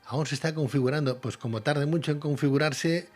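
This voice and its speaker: A man's voice: on the high side, fairly quick, darkish tone, soft background music. Chatty rambling male talk-show host. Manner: chatty, rambling, repeats himself. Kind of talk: live online talk show.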